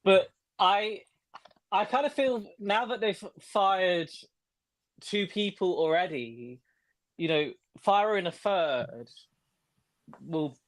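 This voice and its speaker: A man from England with an English accent, chatting casually about reality TV and repeating words haltingly as he starts. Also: high voice. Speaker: podcast panelist. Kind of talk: casual group chat recapping reality TV.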